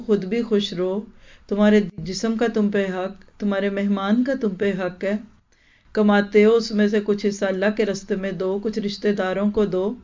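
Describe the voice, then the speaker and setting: A woman's voice: mid-range voice, darkish tone. A woman teaching in a Quran lecture, explaining verses emphatically and asking the listeners rhetorical questions. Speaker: Islamic teacher. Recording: dull lo-fi recording.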